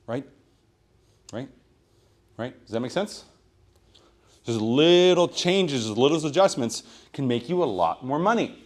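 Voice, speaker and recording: A man giving a sales training talk at a meeting, projecting loudly and checking in with "right?" after his points. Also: medium pitch, expressive, a little slow. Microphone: room microphone.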